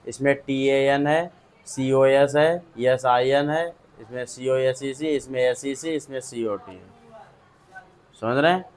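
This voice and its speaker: Slow-talking Hindi maths teacher. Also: male voice, mid-range voice. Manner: drills students with repeated questions; calls on pupils by name to read aloud. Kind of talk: classroom lecture.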